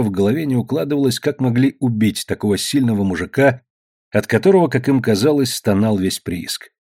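A man narrating an audiobook with measured storytelling. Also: medium pitch, darkish tone, husky. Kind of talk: audiobook reading.

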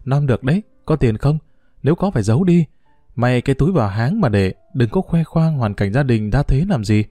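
A cocky street boy, read by a man, talks down to a newcomer in a brash, bossy tone. The voice is mellow and dry, close to the mic. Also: medium pitch, no room sound, lightly acted. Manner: brash, lecturing.

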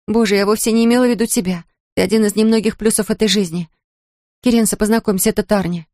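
A woman's voice: medium pitch, fairly even intonation, fast, darkish tone, no echo, studio quality, pitched above the performer's own voice, natural voice. A woman voicing a hurt, hard-up young woman who speaks in a subdued, wistful way.

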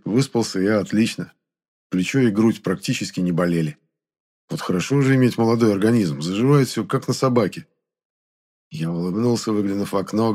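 A man's voice: deep voice, mellow. A man narrating a novel in the first person, with a wry, conversational telling. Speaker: audiobook narrator.

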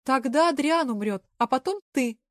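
A woman's voice: high-pitched, lively intonation, moderate pace, no echo, studio quality, pitched above the performer's own voice. A woman reading an audiobook, voicing a dangerous, cold female gang boss who barks orders and threats. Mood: shouting. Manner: taunting, commanding, shouting threats.

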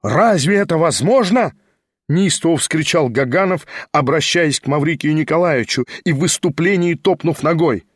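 A man reading a classic novel aloud in an even, dramatic narration. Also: fairly high pitch, moderate pace, few pauses, breathy edge, dry recording, studio quality. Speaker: audiobook reader.

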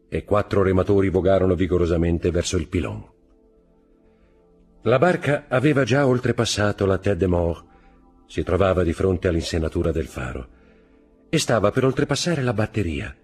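A man narrating a classic novel in a scripted literary style, slowing for dramatic moments, recorded in a studio. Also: low-pitched, animated, darkish tone, slightly rough, soft background music. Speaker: audiobook narrator.

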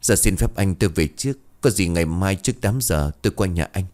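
A man voicing a calm, confident old ghost-hunter. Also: low voice, brisk. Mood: assured.

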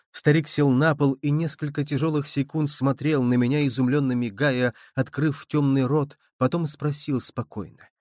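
Man, audiobook narration, measured storytelling, mid-pitched, dry close recording. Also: warm tone, dry recording.

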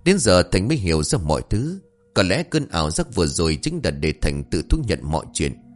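A man narrating a dramatic audio story with expressive storytelling. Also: deep voice, brisk, soft background music.

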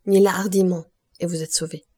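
A woman voicing an anxious, pale male crown prosecutor in an audiobook, commanding and then hushed. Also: on the low side, steady tone, brisk, husky. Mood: insistent.

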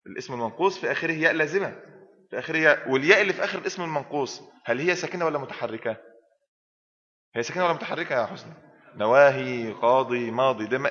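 A man with an Egyptian accent teaches a class as a sheikh, quizzing his students at a brisk pace and prompting them to finish his sentences. His voice is bright and forceful. The dull, lo-fi recording rings with a long hall reverb. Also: medium pitch. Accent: Egyptian Arabic. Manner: prompts students with questions and fills in answers.

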